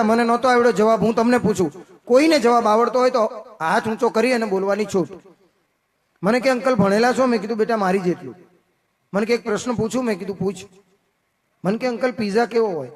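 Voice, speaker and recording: A man telling comic stories at a folk festival, playing every part of each joke himself. His speaking voice sits unusually high, and he turns quieter and lower whenever he answers as himself. He speaks into a stage microphone. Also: fast. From Gujarat, India. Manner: tells jokes as dialogue, drops voice lower and quieter for his own replies. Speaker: stage comedian. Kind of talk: live folk comedy storytelling.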